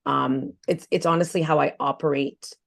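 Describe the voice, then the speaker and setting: Woman, 40s, low voice, earnest and reflective, podcast guest. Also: fairly even intonation, moderate pace, creaky. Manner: reflective, earnest, repeats phrases for emphasis. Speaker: health coach guest. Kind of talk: podcast interview.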